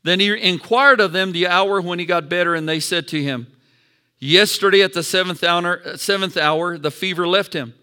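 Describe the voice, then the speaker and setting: A middle-aged male pastor preaching a sermon, swinging from hushed storytelling to shouted calls for praise. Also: sits high, moderate pace, smooth.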